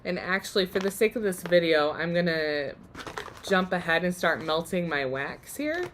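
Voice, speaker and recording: A woman hosts a live DIY demonstration in a chatty, upbeat way, her voice strained because she is losing it. Her voice sits somewhat low. Faint background noise hangs behind her. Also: animated, moderate pace, a bit bright. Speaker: workshop host.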